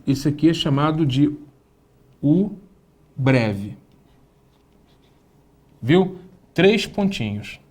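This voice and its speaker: Guy teaching a class online, a bit high pitched, talks right to you, slows down to repeat words. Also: lively intonation, a little mellow. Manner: didactic, addresses the student directly, slow careful spelling-out of words. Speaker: Hebrew teacher. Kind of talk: recorded online lesson.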